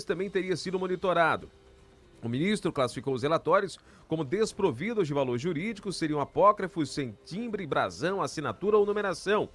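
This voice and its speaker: A man reading scripted news as a radio anchor in a formal, measured manner. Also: a little high.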